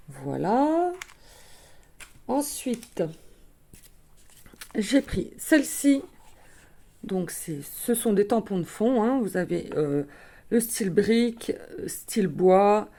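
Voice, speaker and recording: Mellow-voiced woman chatting through a craft haul. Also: medium pitch, animated, takes it slowly, long pauses. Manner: chatty, many fillers, self-correcting. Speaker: crafts vlogger showing purchases. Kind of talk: casual show-and-tell.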